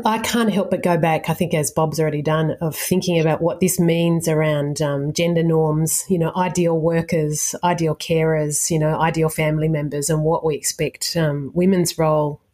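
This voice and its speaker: A woman's voice: sits low, a little mellow. A woman giving expert commentary as a guest, hesitant with many fillers and a wry touch. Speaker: academic guest.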